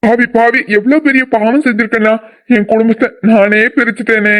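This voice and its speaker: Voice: medium pitch, fairly even intonation, fairly quick, fairly bright tone, natural voice. A voice actor playing a remorseful middle-aged father in a cartoon drama, lamenting and blaming himself. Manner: lamenting, self-blaming, then angry.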